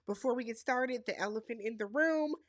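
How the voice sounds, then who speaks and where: A little fast and fairly high-pitched, this woman's voice is captured in clean studio quality with no room sound. She has a Wisconsin accent and a nasal, cold-congested sound, giving a casual, opinionated reality show recap to viewers she calls y'all.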